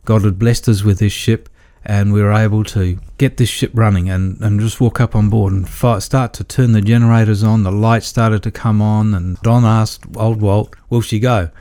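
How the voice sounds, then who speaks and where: A man's voice: lowish voice, steady tone, normal speed, few pauses, dark tone. A man, middle-aged, telling stories in a rambling way with restarts, as a guest in an interview. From Australia. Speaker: guest, electrician. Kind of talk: storytelling interview.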